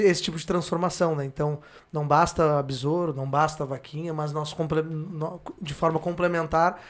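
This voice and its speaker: A male podcast guest with a fairly high voice for a man. He has a southern Brazilian, Porto Alegre accent. He chats casually and haltingly, circling back to reword things. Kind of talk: casual chat.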